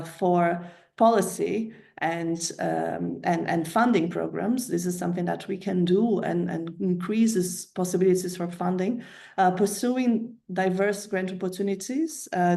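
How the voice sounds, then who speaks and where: A woman from Brazil giving a prepared talk to colleagues, measured and hesitant, with frequent fillers and self-corrections. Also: fairly low pitch, creaky, dark tone. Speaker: candidate presenting a funding plan.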